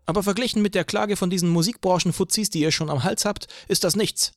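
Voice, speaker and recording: A man's voice: high voice, fast talker, no room sound, studio quality, voice pushed up. A man reading an audiobook, voicing a stern middle-aged police commander in a raised, firm, warning tone. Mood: stern, insistent.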